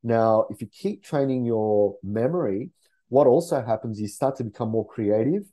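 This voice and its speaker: A man's voice: mid-range voice, lively intonation, normal speed, warm tone. A man speaking as a memory coach guest in a casual podcast chat, earnest and rambling with many fillers.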